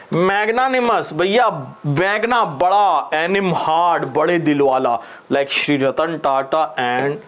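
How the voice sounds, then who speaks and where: Animated Indian man teaching vocabulary. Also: high voice, a little hiss or hum. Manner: playful and animated, mixing Hindi and English, jokes and mock voices. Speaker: English vocabulary teacher for exam students. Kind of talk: Hinglish exam vocabulary lesson.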